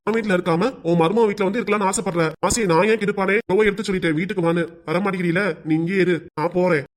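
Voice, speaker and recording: A man's voice: high-pitched, steady tone, very fast, close to an everyday voice. A man voicing an elderly, stubborn and unforgiving father with a Kanyakumari Tamil accent, in a cartoon. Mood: stern. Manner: stern, reproachful.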